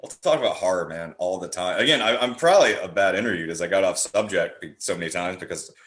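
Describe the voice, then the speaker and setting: Talking fast in a low, fairly bright voice, this podcast guest is a horror theatre director. He chats casually and rambles with enthusiasm, acting out little quotes, in an echoey, roomy recording.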